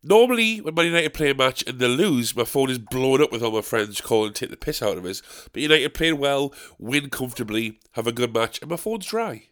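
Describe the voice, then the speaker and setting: Deep, nasal and gravelly from a cold he's recovering from, this podcast host rambles animatedly through a casual solo episode, talking fairly quickly with few pauses in a fairly bright tone. He swears freely and pokes fun at his own errors, recording at a desk in a dark bedroom on a badly set-up desk mic.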